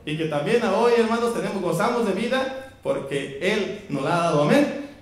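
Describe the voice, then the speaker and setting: A man's voice: high-pitched, expressive, normal speed. A man preaching a sermon, speaking conversationally and calling the congregation brothers. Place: church. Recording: very echoey church hall.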